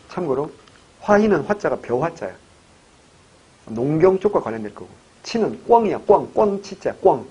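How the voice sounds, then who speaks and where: A man lectures on history for exam prep in a slightly husky, rather high voice. He spins joking stories and keeps quizzing his students with rhetorical questions. The recording sounds dull and lo-fi. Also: a little mellow.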